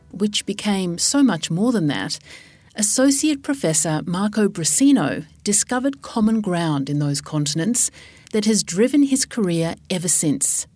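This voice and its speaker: A woman, in a middle pitch, reads a scripted podcast introduction in a smooth delivery. The voice sounds dry and close. Faint music plays underneath. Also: a little mellow, no room sound. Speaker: podcast host.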